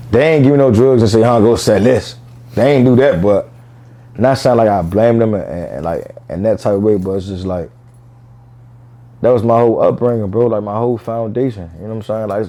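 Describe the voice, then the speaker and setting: A man with a mellow, lowish voice talks candidly about his own life as an interview guest, at a normal speed with long pauses. His speech is casual, profane street slang, full of "bro" and "you know what I'm saying."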